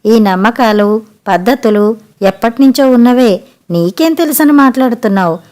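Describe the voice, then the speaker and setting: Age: older. Woman voicing a loud, domineering old aunt. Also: fairly high pitch, animated, normal speed, close to an everyday voice. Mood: scolding. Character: bossy older woman relative, rigid about custom. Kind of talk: audiobook character voice.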